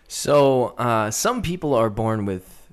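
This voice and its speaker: A young male sports broadcaster chats casually in a video call interview from a room at home, using a studio condenser mic. His medium-pitched voice is animated but slow, and he speaks thoughtfully with many fillers.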